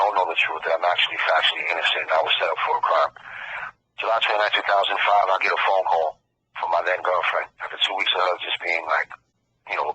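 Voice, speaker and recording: A man's voice: deep voice, sharp tone, husky. A middle-aged man from Queens with a New York accent, earnestly telling his own detailed story as testimony on a prison phone call.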